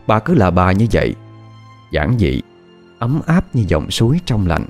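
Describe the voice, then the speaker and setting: A man with a Southern Vietnamese accent narrating a horror tale, expressive and dramatic. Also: low voice, a little slow, soft background music.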